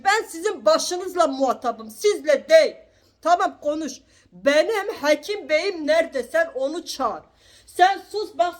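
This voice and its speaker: A woman with a very high voice plays a litigant in an improvised comedy sketch. She talks slowly and bosses everyone around. She scolds them in long, indignant rants. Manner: bossy, combative, scolding.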